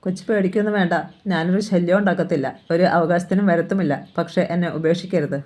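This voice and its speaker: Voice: mid-range voice, fairly even intonation, fast talker, darkish tone, lightly acted. Reader voicing lonely 36-year-old woman. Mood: pleading. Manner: pleading, intimate, colloquial. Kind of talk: audiobook character dialogue.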